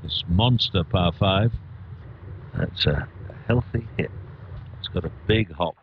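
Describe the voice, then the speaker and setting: A man's voice: low voice, animated, slow pace, muffled recording, slight background noise. A man playing an understated, musing golf analyst in broadcast commentary for a video game.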